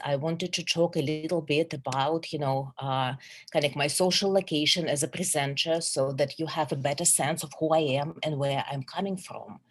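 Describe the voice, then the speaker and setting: A psychologist from Russia presents a webinar by video call in a low voice and a Russian accent. Middle-aged, she is earnest and measured, though her delivery has many fillers and restarts.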